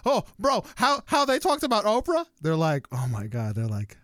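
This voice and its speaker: A man's voice: extremely high pitch, wildly swooping pitch, normal speed, fairly bright tone, no room sound, clean studio sound. A young man ranting animatedly in a casual chat, with exaggerated quoted voices.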